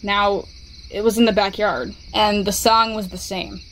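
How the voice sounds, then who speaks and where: A woman narrating a scary story in steady, measured storytelling. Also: medium pitch, a little hiss or hum, poor audio.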